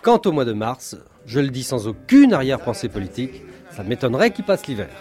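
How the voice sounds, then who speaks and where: A man delivers a scripted comic monologue on the radio, sardonic and crisply articulated. His pitch rises and falls widely as he toys with the words. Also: sing-song, a little fast, noisy background. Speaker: radio chronicler.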